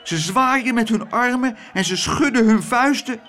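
A man voicing a flustered, fussy older woman who talks in a shrill, hurried way. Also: sharp tone, full character voice. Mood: agitated.

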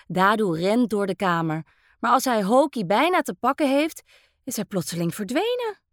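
A woman reading a children's bedtime story aloud, slow and expressive. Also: mid-range voice, no echo, clean studio sound.

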